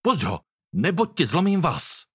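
A man's voice: medium pitch, very animated, fairly bright tone, husky, dry recording, studio quality. A man reading the part of a commanding young man standing up for his friend. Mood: menacing. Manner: stern, commanding. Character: young man, protective and threatening.

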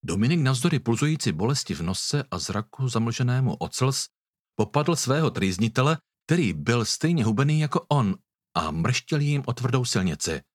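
A man narrating a storybook in an expressive reading. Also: mid-range voice, dry recording, studio quality. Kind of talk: audiobook reading.

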